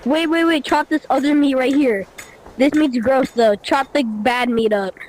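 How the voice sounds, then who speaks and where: A woman's voice: sits high, measured pace, a little mellow, a little hiss or hum. A woman playing a VR game, joking and boasting in casual banter with a friend. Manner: teasing, boastful trash talk. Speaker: VR game player.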